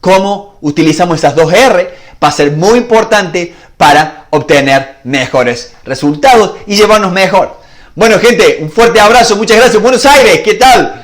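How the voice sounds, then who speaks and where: A man's voice: high-pitched, expressive, normal speed. A man with a Rioplatense Spanish accent, a negotiation coach talking casually to viewers and acting out bits of dialogue. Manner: chatty, acts out quoted dialogue. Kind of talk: casual video talk to viewers.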